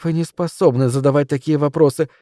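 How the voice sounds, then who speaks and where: A tender young woman pleads and worries in a lifted, soft voice, as a male narrator puts her on. The tone is warm and mellow, recorded dry. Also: on the high side, fairly even intonation, brisk, dry recording, lightly acted. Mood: tender, anxious.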